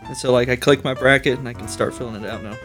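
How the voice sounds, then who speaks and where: A man's voice: medium pitch, fairly even intonation, fast, music in the background. A man appearing as a guest on a podcast, easygoing and self-deprecating in casual chat.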